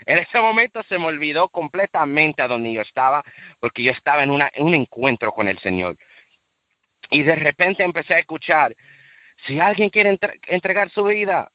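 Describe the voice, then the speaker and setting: A man giving an earnest, emotional personal faith testimony, repeating himself and rising high when he relives shouting. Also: animated, a little fast, dry recording, dull audio. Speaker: guest sharing a faith testimony.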